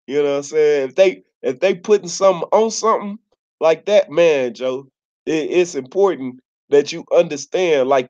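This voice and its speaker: On a slightly dull lo-fi recording, a Chicago-born YouTuber chats to camera with a Chicago accent, telling stories in an easygoing, slangy manner. He leans often on "you know what I'm saying," and his mid-range voice is a little mellow.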